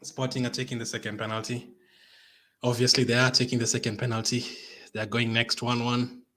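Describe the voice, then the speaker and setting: A man's voice: mid-range voice, little pitch movement, a little fast, sharp tone. A man hosting a live football watch-along, anxiously pleading and reacting to a penalty shootout. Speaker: football fan channel host.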